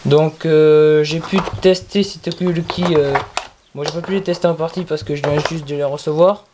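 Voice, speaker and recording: A product reviewer talking casually through an unboxing in a halting, repetitive way. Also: medium pitch, fairly even intonation. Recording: clearly noisy with handling clicks.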